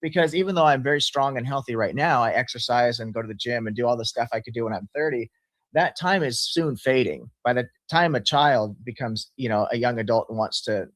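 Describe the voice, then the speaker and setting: A man in his early fifties talks quickly and earnestly in a casual discussion. His thoughts run on at length. The sound is dry and close, with no room around it. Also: medium pitch, fairly bright tone, dry recording. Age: 50s. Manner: earnest, rambling, explains with laughs. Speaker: channel host.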